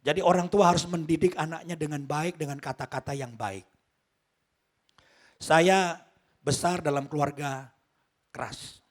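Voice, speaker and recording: A male pastor preaching a sermon, telling a story and addressing the congregation directly, swinging between loud outbursts and hushed lines. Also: fairly high pitch, a little slow, long pauses.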